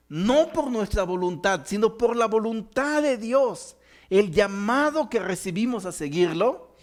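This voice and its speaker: A man teaching a Bible study, earnest and slowing down to stress key words. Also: high voice.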